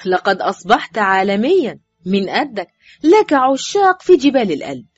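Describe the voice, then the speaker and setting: A woman voicing a loud, mocking male friend. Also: mid-range voice, sing-song, fast, slightly rough, dry recording. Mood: teasing. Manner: loud, needling and incredulous. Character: man, teasing, mocking friend. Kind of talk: audiobook character voice. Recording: dull, dry recording with faint music.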